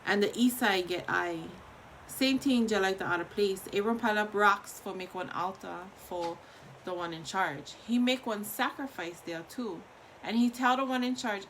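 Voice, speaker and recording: Woman, bright voice, hawaiian pidgin, reading bible stories out loud, bit of background noise. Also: medium pitch, expressive, a little slow, poor audio. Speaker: host of a daily online Bible reading.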